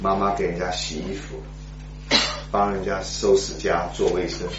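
A man preaching a sermon as a story, swinging dramatically between hushed and loud, heard in an echoey, distant, dull recording. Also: low voice, little pitch movement, normal speed, heavy background noise.

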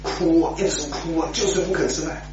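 A man preaching a sermon as a story, swinging dramatically between hushed and loud, heard in an echoey, distant, dull recording. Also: fairly high pitch, a little fast, noisy background.

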